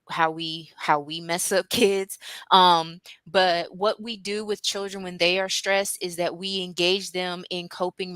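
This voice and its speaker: A woman speaking as a guest on mental health in a church, explaining things in an earnest, calm manner with frequent ums. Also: on the low side, clean tone, no echo. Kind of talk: teaching talk at a church.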